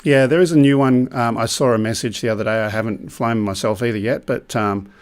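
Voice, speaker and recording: Male live-show host, mid-pitched, loose and rambling, filler-heavy chat. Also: brisk, clean tone. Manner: relaxed, rambling with many ums.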